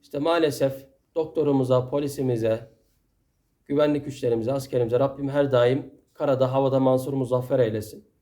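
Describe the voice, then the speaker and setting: A man's voice: mid-range voice, steady tone, a little fast, dark tone. A man giving a Friday sermon in an earnest, admonishing way, full of rhetorical questions, with a Turkish accent. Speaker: preacher.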